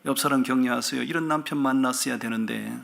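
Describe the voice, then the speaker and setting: Gravelly, bright-toned male pastor preaching. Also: medium pitch, fast, a little hiss or hum. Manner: animated, asks the congregation rhetorical questions. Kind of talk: sermon.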